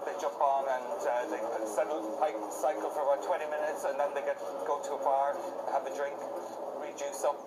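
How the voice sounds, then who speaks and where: A man, talking casually and haltingly in an interview. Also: a little high, flat delivery. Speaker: pedal bike tour operator being interviewed. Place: outdoors on a moving pedal bike in town streets. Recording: roomy, distant mic, loud traffic noise. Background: street and vehicle noise.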